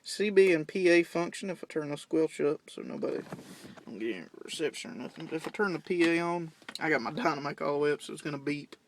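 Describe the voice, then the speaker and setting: Against a noisy background, a young man with a higher voice talks at a quick pace while demonstrating his CB radio setup around parked vehicles at home. His how-to walkthrough is casual, plain-spoken, unscripted and step by step.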